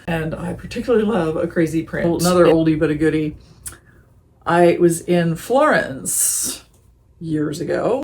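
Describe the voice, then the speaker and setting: A woman's voice: fairly low pitch, darkish tone. A woman vlogger chatting casually and enthusiastically as she sorts her summer clothes. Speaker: fashion vlogger. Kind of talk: casual chat.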